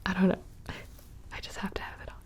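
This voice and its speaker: A young woman whispering casually and close to the microphone, rambling through questions in an ASMR video. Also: fast talker. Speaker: ASMR creator. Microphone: close studio microphone.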